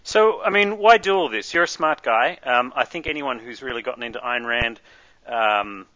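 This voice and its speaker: A man's voice: mid-range voice, animated, normal speed, sharp tone, highs cut off. A man from Australia hosting an interview and asking curious, direct questions. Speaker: interviewer, host. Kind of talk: casual interview.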